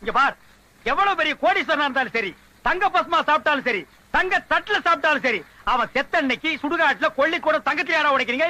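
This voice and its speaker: An actor playing a village potter who lectures and boasts in a film comedy. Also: male voice, very high-pitched, sharp tone, full character voice, poor audio.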